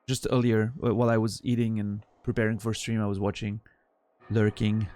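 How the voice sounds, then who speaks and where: Fairly low and flat in pitch, the voice moves briskly with a darkish tone and no echo. A fortyish man from French-speaking Switzerland with a Swiss French accent is chatting loosely to his stream, rambling, self-deprecating and trailing off with fillers.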